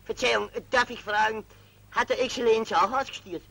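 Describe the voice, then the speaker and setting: A fussy little official, tripping over his words and fawning over his superiors. His voice sits high and bright, in an old film soundtrack from the 1940s. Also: moderate pace, gravelly, full character voice, low-quality recording. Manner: stammering, deferential, excitable. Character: flustered fussy male minor civil servant. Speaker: stammering petty official.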